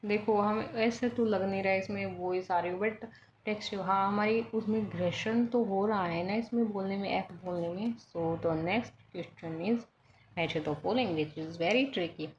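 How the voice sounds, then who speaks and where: A woman's voice: medium pitch, a little slow. A young woman teacher, working through exam quiz answers in a chatty style, switching languages and correcting herself. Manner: chatty, mixes Hindi and English, self-corrects. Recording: dull lo-fi recording with faint background noise.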